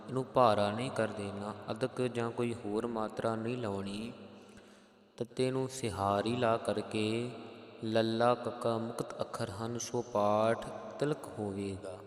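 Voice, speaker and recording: A man with a Punjabi accent teaching scripture pronunciation, chanting verses slowly and then explaining each letter. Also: on the low side, roomy sound, in a large hall. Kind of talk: Gurbani pronunciation lesson with sung recitation.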